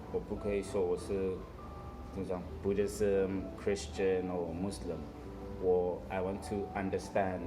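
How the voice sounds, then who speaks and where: A young South African man with a South African accent, a foreigner speaking halting Mandarin mixed with English words as he answers interview questions casually. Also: sits low. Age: young adult. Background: music.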